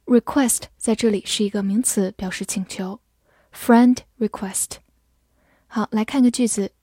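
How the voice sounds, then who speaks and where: A woman whose first language is Chinese teaches English vocabulary in a scripted lesson, spelling each word letter by letter and reading the example sentences slowly. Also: mid-range voice, fairly even intonation, mellow, breathy edge, no echo, clean studio sound.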